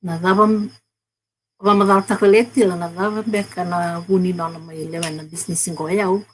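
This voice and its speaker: A woman from Fiji, a guest, giving a measured, formal self-introduction. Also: on the low side, fairly even intonation, breathy edge, low-quality recording.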